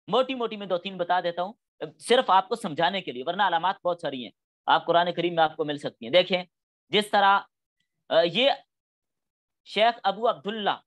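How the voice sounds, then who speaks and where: A man's voice: high-pitched, a bit bright. A middle-aged man teaching a class on Quran studies, explaining patiently step by step and acting out spoken examples. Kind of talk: classroom lecture.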